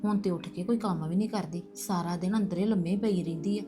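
An actress with a lowish voice talks fast over music in a web drama, lightly acting the part of a worried, resentful middle-aged mother. In a complaining mood, she grumbles and schemes against her daughter-in-law.

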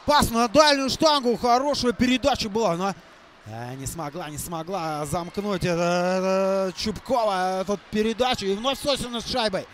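A man doing live hockey play-by-play, halting and repeating phrases for emphasis. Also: high-pitched, a little hiss or hum. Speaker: hockey commentator. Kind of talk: live play-by-play sports commentary.

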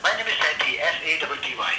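A man answering a shop phone with brief customer service talk, heard through a phone loudspeaker. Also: fairly high pitch, lively intonation, fast talker. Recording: noisy speakerphone, echoey room.

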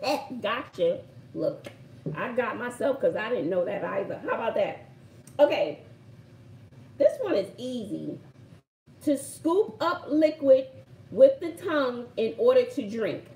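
In a sing-song, fairly high voice with a dark tone, a middle-aged woman with a Brooklyn accent keeps a measured pace, pausing often while hosting a casual live word game. She repeats phrases playfully and with emphasis. The mic is far off in a home room beside a shuttered window, giving roomy echo and faint background noise.

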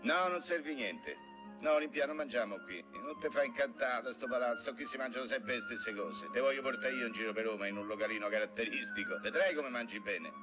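An actor playing a haughty, mocking nobleman with a Roman accent, talking in a sardonic, lively way. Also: mid-range voice, brisk, close to an everyday voice. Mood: jovial, teasing. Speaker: marquis hosting guests. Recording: dull old film soundtrack with music.

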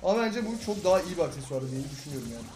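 A young man with a Turkish accent giving excitable live gameplay commentary, talking to teammates and viewers with sudden loud outbursts. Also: on the high side, rapid-fire. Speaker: gaming YouTuber. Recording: roomy sound with game music behind.

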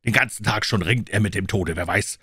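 A man's voice: lowish voice, brisk, pushed and bright, breathy edge, no echo, studio quality. A man reading as a distressed young friend. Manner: urgent, anguished.

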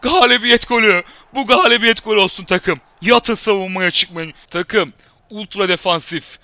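A gamer and channel host provides live commentary on his football career-mode game, yelling at his players and then muttering when things go badly. His voice is high-pitched and at normal speed, and the recording has its highs cut off.

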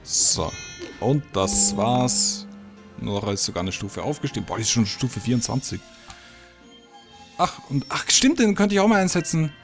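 A man's voice: medium pitch, animated, normal speed, over music. A man giving casual gameplay commentary, thinking aloud and muttering his reactions as he plays. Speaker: let's play gamer.

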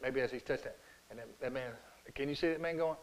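A man's voice: medium pitch, fast, slight background noise, poor audio. A male pastor giving a conversational sermon. He often stops to ask the congregation rhetorical questions, and his speech halts as he repeats words and restarts. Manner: folksy, asks the congregation frequent rhetorical questions.

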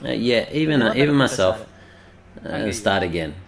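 A man's voice: on the low side, animated, normal speed, gravelly. Man, friar, sermon, storytelling with sound effects, crowd audible behind. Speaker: friar preacher. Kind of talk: catechesis sermon.

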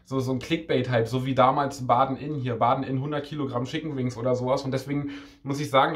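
A man of twenty-two talking casually to the camera, informal and slangy, often repeating words as he goes. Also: mid-range voice. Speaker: video creator. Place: small indoor room.

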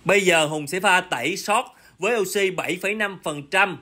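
A young salon owner talks viewers through hair care in a voice-over, chatty and instructive. His voice sits a little high for a man, and he speaks to the audience like family. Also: a little fast, pushed and bright. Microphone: voice-over narration.

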